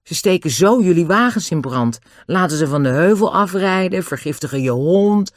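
A man's voice: sits high, lively intonation, moderate pace, dry recording, studio quality, voice pushed up. A man voicing a timid, frightened circus boy who talks anxiously. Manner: nervous, anxious.

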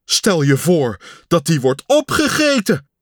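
Fretful storybook toad, loud worried cries, dry close sound, a man reading it. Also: medium pitch, sing-song, measured pace, no echo. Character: anxious caring male toad.

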